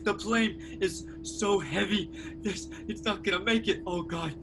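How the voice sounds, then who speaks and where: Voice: medium pitch, measured pace. An actor playing a panicking first-time flyer who stammers and frets. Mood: panicked. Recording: clear background noise.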